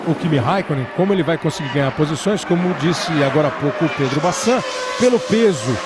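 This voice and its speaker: A man's voice: fairly high pitch, expressive, fast talker. A Brazilian man working as lead motorsport commentator, calling race positions and lap times live. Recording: loud race-car engine noise. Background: race cars and engines roaring.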